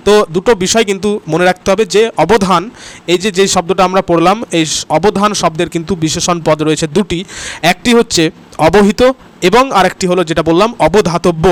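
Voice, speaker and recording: Quick, high-voiced Bengali grammar teacher. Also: male voice, steady tone. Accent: West Bengal Bengali. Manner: repeats "ঠিক আছে?" and "next question" as checks and cues; talks straight to the students, urging comments and likes. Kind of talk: online exam-prep class.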